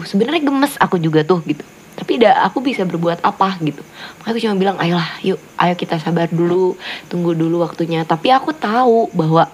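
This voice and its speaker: A woman's voice: medium pitch, slight background noise. A woman chatting casually, giving a friend earnest advice in long run-on stretches. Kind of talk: casual chat.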